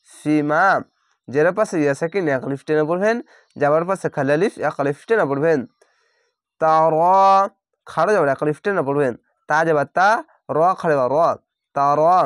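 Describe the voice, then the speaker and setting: A man teaching Quran reading, spelling each letter and vowel mark slowly before reciting the word drawn out. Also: fairly high pitch, dry recording, studio quality.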